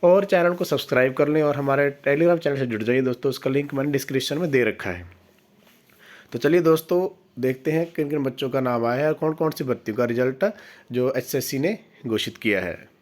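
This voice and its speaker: A man hosting an exam news channel, reading official notices aloud slowly and explaining them in a casual way to viewers he calls friends. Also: medium pitch. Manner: reads English notice text slowly, then explains it in Hindi; addresses viewers as friends, asks for comments.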